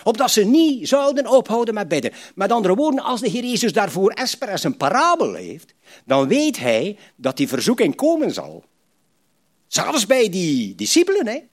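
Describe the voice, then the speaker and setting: Male preacher, high-pitched and highly animated, booms then drops to a murmur. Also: moderate pace. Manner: dramatic swings between loud emphatic and soft low phrases; frequent tag questions, reads scripture aloud expressively. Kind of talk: sermon.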